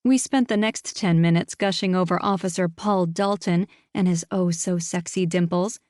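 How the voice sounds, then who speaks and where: Woman narrating a cozy mystery, lowish. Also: moderate pace, no echo, studio quality. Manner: animated, self-mocking first-person storytelling. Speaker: audiobook narrator.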